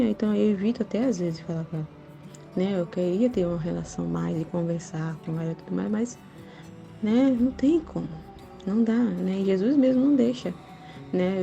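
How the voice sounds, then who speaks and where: A woman's voice: on the low side, creaky, mellow, muffled recording. A middle-aged woman sharing a religious testimony in a casual, earnest, rambling way, tagging nearly every sentence with a questioning "né?". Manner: repeats "né?" often, earnest and rambling.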